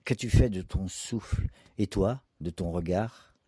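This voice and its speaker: A man giving a solemn, measured dramatic reading of poetry. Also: low-pitched, mellow, husky, no room sound. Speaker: reader.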